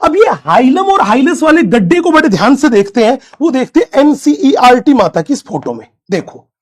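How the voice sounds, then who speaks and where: A man from India teaching a classroom lecture, slowly repeating key terms and asking questions that he answers himself. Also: extremely high pitch, big pitch swings.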